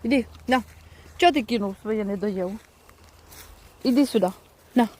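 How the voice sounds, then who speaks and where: A fairly high-voiced woman, dropping in as she coaxes stray dogs outdoors. She soothes and praises them in gentle baby talk. Faint open-air sounds hang behind her. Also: moderate pace, a little hiss or hum. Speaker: vlogger feeding stray dogs. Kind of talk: casual talk to animals. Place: outdoors by a roadside dump. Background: faint outdoor ambience, dogs and crows.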